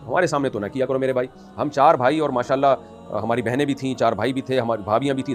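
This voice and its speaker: A man as an Islamic scholar answering audience questions in an emphatic, scolding way that rises into forceful outbursts. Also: mid-range voice. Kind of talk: religious question-and-answer talk.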